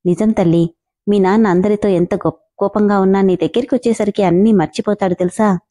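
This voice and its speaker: A woman's voice: mid-range voice, steady tone, brisk, dark tone, lightly acted. A woman voicing a caring middle-aged mother who coaxes and reassures her daughter. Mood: coaxing.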